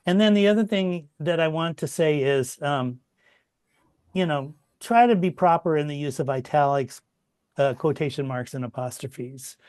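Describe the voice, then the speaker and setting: A middle-aged man teaching a copyediting workshop over a video call, relaxed and chatty, with many fillers and restarts. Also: a little high, normal speed, clear, resonant tone. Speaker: workshop instructor. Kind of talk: informal online workshop teaching.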